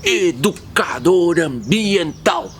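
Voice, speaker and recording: A man playing a playful, showy ringmaster who announces an act in a grandiose, drawn-out theatrical way. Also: high-pitched, lively intonation, full character voice. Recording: clear background noise and ambience.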